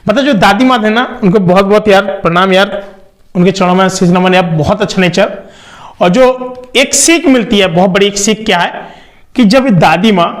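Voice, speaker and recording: A young man from Kanpur telling a story in a chatty, motivational way and speaking directly to his viewers. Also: high voice. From Kanpur, India. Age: young adult. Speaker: vlogger. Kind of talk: casual storytelling.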